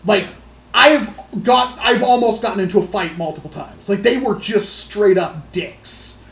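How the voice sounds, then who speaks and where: A woman telling stories on a casual livestream in an animated, rambling way, acting out other people's voices. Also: medium pitch, a little slow. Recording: roomy echo.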